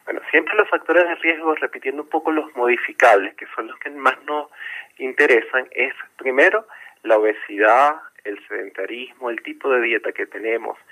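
A man, a doctor, patiently explaining things on a radio interview and repeating points to make them clear. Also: medium pitch, bright, forceful tone, poor audio. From not from Chile. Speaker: medical doctor guest.

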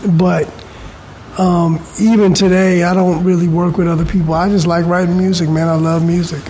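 High-voiced middle-aged man chatting informally. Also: little pitch movement, moderate pace, warm tone, rough recording. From California, United States. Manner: conversational, informal, often says "you know" and "man". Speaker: interview guest. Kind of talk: casual chat. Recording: faint background noise.

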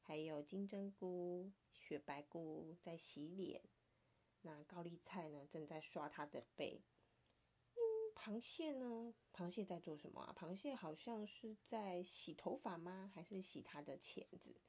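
A woman with a Taiwanese Mandarin accent reading a picture book aloud to her child, playful and animated, sometimes dropping to a soft whisper. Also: lowish voice, unhurried.

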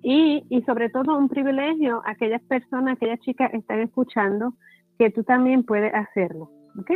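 A woman's voice: on the high side, normal speed, soft background music. A woman with a Puerto Rican accent, a guest entrepreneur telling her story in a friendly, casual chat. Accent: Puerto Rican Spanish. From Puerto Rico. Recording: tinny phone-like line.

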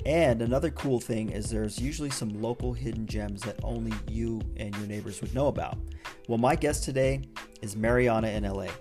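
An upbeat man hosts a podcast, talking eagerly with listeners and a guest at a middle pitch. He sounds lively and promotional, and music plays behind him. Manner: enthusiastic, promotional. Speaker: podcast host.

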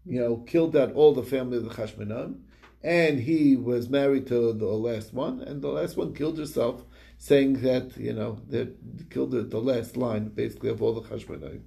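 A man's voice: medium pitch, moderate pace, gravelly, warm tone. A man casually retelling a Talmud story in quoted back-and-forth dialogue, with fillers and restarts. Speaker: Talmud study reviewer.

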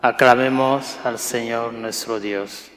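A male priest speaking solemnly and deliberately as he leads Mass, with cathedral-like echo around his voice. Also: medium pitch, fairly even intonation, a bit bright. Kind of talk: liturgical Gospel reading and homily. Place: large reverberant church. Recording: echoing church acoustics with long reverb.

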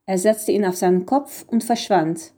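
A woman narrating a children's storybook in an even, gentle reading. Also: medium pitch, moderate pace.

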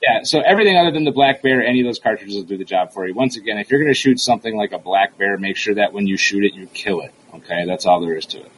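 A man's voice: fairly low pitch, expressive, fast, hardly any pauses, a bit bright, a little hiss or hum, rough recording. A man on a casual podcast, giving blunt, emphatic advice as a gun maker guest.

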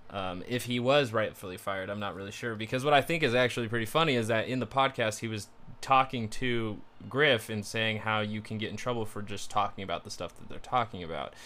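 Low-voiced man rambling in casual commentary. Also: a little fast, hardly any pauses. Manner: rambling, sardonic, self-described monotone. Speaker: commentary streamer.

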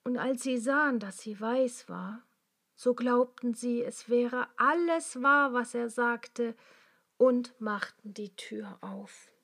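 Slow-whispering woman storyteller. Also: a little high, vocal fry, fairly bright tone. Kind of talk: whispered fairy-tale reading.

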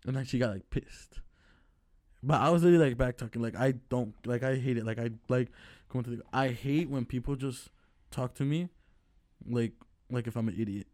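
A man's voice: medium pitch, a little fast, a little mellow. Laughing young man telling a work story. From Chicago. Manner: rambling, laughing, acts out quoted arguments. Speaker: guest. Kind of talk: casual storytelling chat.

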